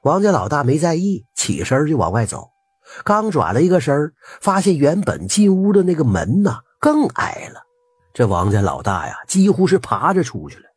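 A man, telling a folk tale in a lively, intimate way with drawn-out particles. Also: a little high, husky, no echo, faint music behind. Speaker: storyteller. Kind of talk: oral folk storytelling.

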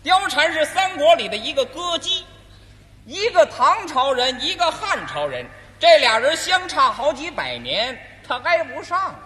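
A man's voice: extremely high pitch, big pitch swings, unhurried, bright, forceful tone, big-room sound. A man as the crosstalk straight man, asking questions and firing back skeptical retorts. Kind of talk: live crosstalk banter.

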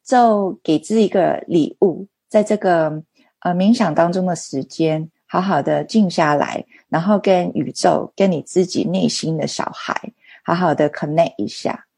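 A woman's voice: on the low side, unhurried, gravelly, warm tone, slightly rough, no room sound. A woman speaking as a style speaker, mixing in English words and searching for terms while giving an informal testimonial on a video call. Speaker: participant sharing experience in meditation club.

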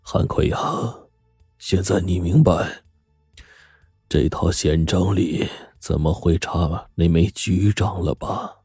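A man voicing old and middle-aged men in a told story, slow and heavy with emotion. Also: sits low, level tone, no room sound, clean studio sound, soft background music, exaggerated voice. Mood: weary, tender. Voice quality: husky, breathy.

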